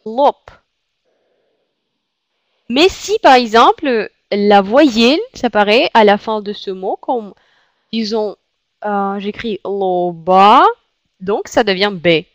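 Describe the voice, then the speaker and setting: A woman with a Russian accent gives a language lesson, repeating words and pausing with hesitant fillers as she explains. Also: on the high side, no room sound. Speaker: Russian teacher.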